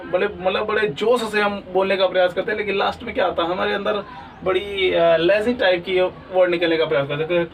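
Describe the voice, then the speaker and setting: Recorded roughly and from a distant mic, a high-voiced man teaches an English class. He asks questions, answers them himself, and keeps checking comprehension with a frequent "ठीक है ना?"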